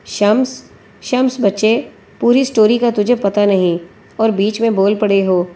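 A woman reading a bossy, fatherly old editor, mellow and unhurried in an audiobook. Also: medium pitch, fairly even intonation, lightly acted. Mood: instructing. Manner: coaxing and bossy. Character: older male newspaper editor, chain-smoking, brisk and fatherly.

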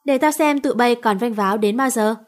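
A tough young man barking orders in a brawl, as a woman narrator voices him, from a spoken novel. The voice rises higher and louder than her reading. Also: brisk, lightly acted. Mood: commanding.

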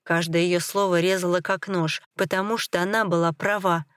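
A woman narrating a dramatic first-person audiobook in a steady tone. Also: on the low side, normal speed, clean tone, no echo, clean studio sound.

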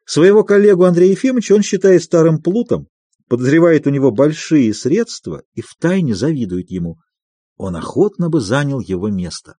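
A man narrating a classic novel as an audiobook reader, expressive and measured. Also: a little high, no echo. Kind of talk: scripted literary narration.

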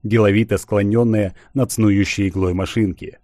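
A man reading a literary audiobook in a measured, even way. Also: on the low side, no echo, studio quality. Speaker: audiobook narrator.

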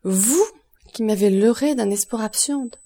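Brief: woman reader doing a desperate young man, mid-range pitch, warm tone, audiobook. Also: steady tone, normal speed, natural voice. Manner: passionate, pleading outbursts. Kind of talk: audiobook reading of a novel.

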